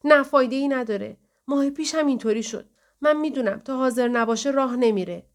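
A woman's voice: high-pitched, pitched above the performer's own voice. A woman voicing a terse, suspicious female caretaker in an audiobook. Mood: curt.

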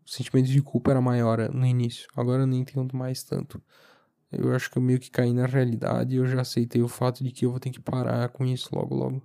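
Mellow, sleepy young Brazilian man rambling. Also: mid-range voice, completely flat delivery, gravelly. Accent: southern Brazilian. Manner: informal, halting and meandering, with swearing. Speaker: podcast host. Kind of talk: casual solo monologue, rambling. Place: recorded lying down, alone.

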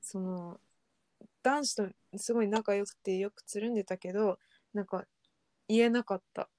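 A young woman co-hosting a podcast, talking candidly in casual chat, halting with many fillers. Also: mid-range voice, fairly even intonation, a little mellow, dry recording, studio quality. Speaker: podcast co-host.

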